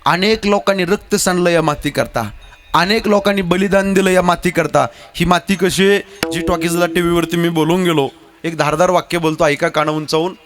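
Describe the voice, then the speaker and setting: A man's voice: sits high, fairly even intonation, moderate pace, fairly bright tone. A man preaching a devotional kirtan sermon, declaiming and rousing the crowd.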